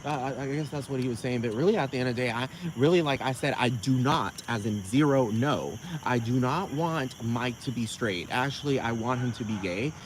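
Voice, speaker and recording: A man's voice: medium pitch, a little fast, few pauses, a little hiss or hum, poor audio. A man from the United States on a casual, rambling rant, sassy and profane, often asking rhetorical questions.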